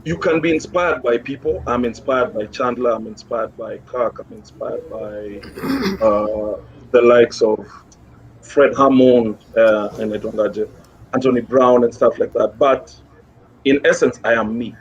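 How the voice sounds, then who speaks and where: A Kenyan music guest in a casual interview speaks at a measured pace in a mid-range voice. He's encouraging, repeats phrases, and switches between English and Swahili slang, captured in a muffled recording with clear background noise.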